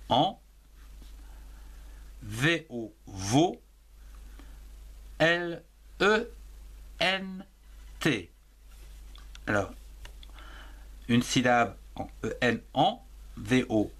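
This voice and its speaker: This male primary school French teacher gives a slow dictation, carefully breaking words into syllables and spelling them out letter by letter. His pitch is fairly high and his intonation animated.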